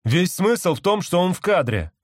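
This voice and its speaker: A man's voice: sits high, sing-song, moderate pace, dry recording, clean studio sound, voice pushed up. A man voicing a grumpy, irritable masked activist in an audiobook. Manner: grumbling, irritable.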